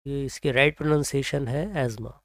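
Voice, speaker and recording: A man with an Indian accent teaching English pronunciation, reading example sentences slowly and then explaining them. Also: medium pitch, fairly even intonation, gravelly, no echo, studio quality. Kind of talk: slow explanatory lesson, mixing Hindi and English.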